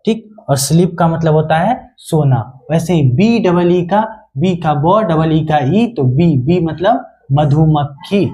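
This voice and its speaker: A man's voice: fairly high pitch, animated, slow, warm tone, poor audio. Hindi-accented man teaching phonics to kids. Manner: call-and-response questioning, spelling letters aloud. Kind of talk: phonics lesson for children.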